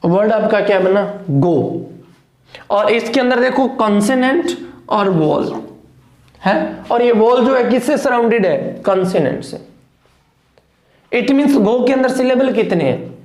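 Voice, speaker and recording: A teacher walks through a phonetics lesson at an unhurried, deliberate pace. They pose a question, answer it themselves, and keep checking that the class is following. The voice carries around a roomy, echoing space. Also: mid-range voice, expressive, darkish tone. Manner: asks questions and answers them, checks understanding often. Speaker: English teacher. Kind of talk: classroom lesson on phonetics, mixing Hindi and English. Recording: echoey room.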